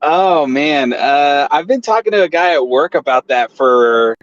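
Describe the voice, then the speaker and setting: A man calling in to a podcast from his car, speaking in a halting, hesitant way during casual sports chat. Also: fairly high pitch, expressive, no echo. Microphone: phone call. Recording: dull lo-fi phone line.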